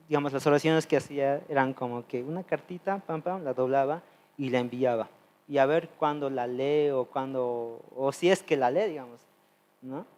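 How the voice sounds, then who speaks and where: A man preaching a testimonial sermon, earnest and confessional, moving between loud pleading and soft, low asides.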